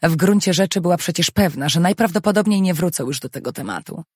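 An audiobook narrator reading a novel in a steady, measured way. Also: mid-range voice, husky, no echo, clean studio sound.

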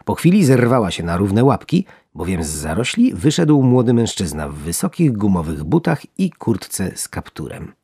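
Husky, gravelly male storyteller. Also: on the low side, moderate pace, few pauses, no echo, clean studio sound. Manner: lively expressive reading. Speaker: narrator. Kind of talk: storybook narration.

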